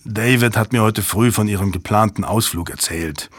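A weary middle-aged commander justifies himself in firm, clipped sentences, played by a man close to his own voice. The tone is husky and the sound dry and close. It is an audiobook character part. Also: lowish voice, normal speed, no echo. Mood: calm. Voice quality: firm, justifying, slightly impatient.

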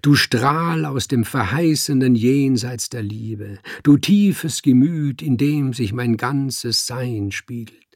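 A man's voice: mid-range voice, unhurried, darkish tone, slightly rough, no room sound, clean studio sound. A man reading a story aloud, voicing a reckless, swooning young male student with an eager, gushing manner.

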